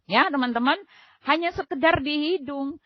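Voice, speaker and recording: Middle-aged woman, high voice, earnest emotional testimony with casual fillers; dull, dry lo-fi recording. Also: moderate pace, dry recording. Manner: earnest and emotional, addressing friends with frequent fillers. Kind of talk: personal faith testimony.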